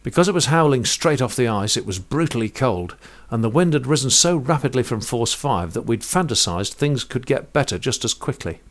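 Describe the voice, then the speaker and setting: A man's voice: medium pitch, lively intonation. Man telling a vivid sea tale. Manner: vivid, measured storytelling with sailing jargon. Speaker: narrator. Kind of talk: first-person sea-story narration.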